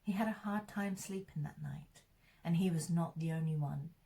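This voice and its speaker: Woman reading a fantasy novel aloud, low pitch. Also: normal speed, creaky, mellow. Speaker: audiobook reader. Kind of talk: fan read-along narration.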